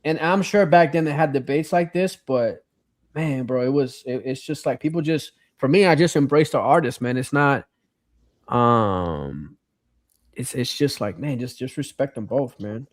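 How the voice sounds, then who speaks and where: A relaxed man hosting a livestream, talking loosely and circling back on his thoughts. His voice sits at an ordinary middle pitch and is recorded dry and close, with no room sound. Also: moderate pace, no echo. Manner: relaxed, rambling, says "bro" and "man" often. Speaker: livestream host. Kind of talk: casual livestream chat.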